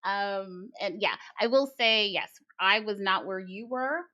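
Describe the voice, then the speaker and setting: A woman co-hosting a podcast in casual chat, animated and quick to laugh. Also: mid-range voice, lo-fi sound. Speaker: podcast co-host.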